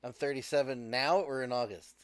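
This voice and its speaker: A man's voice: medium pitch, fairly even intonation, a little fast, clear, resonant tone, no echo. A man in his thirties hosting a casual podcast, teasing his guest and laughing easily. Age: 30s. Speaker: host.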